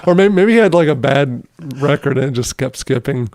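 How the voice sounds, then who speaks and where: A man's voice: mid-range voice, animated, a little fast, darkish tone, no room sound, clean studio sound. A man co-hosting a music podcast, easygoing and restarting words as he thinks aloud. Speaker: podcast co-host. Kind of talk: casual music podcast chat.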